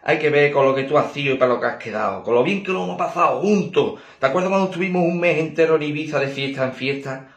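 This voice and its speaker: A comedian does an old man lost in memories, lower and softer than his telling voice. It is slow and wistful. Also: reverberant, lightly acted. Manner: wistful, reminiscing. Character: nostalgic old man talking to himself.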